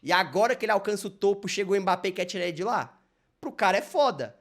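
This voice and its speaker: Fast-talking Brazilian man streaming a reaction. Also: sits high, expressive. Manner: slangy, rambling, loaded with fillers like "mano" and "velho". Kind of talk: casual live react commentary.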